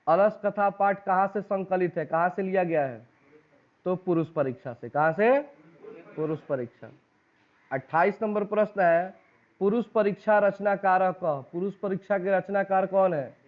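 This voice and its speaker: A man with a high voice and a Bihari Hindi accent teaches a classroom of students. He reads out exam questions and their options, quizzes the class and repeats the answers back. The sound is thin and tinny, like a phone recording. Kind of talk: exam-prep lesson, reading out quiz questions and options.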